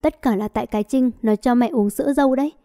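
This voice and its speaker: A woman's voice: on the high side, fast, warm tone, lightly acted. A woman voicing a grumpy old grandmother who scolds and nags sharply. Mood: grumbling.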